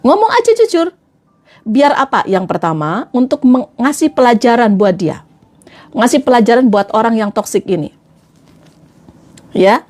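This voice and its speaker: A woman's voice: fairly high pitch, lively intonation, a little slow, long pauses, a little mellow, soft background music. A woman trainer giving a playful, chatty motivational talk to a live audience, acting out little scenes as she goes.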